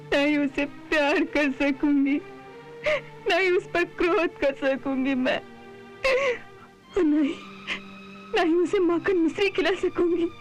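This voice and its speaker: An actress playing a loving mother in a devotional TV drama, pleading and repeating herself in grief. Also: high-pitched. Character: anguished loving mother of a young god.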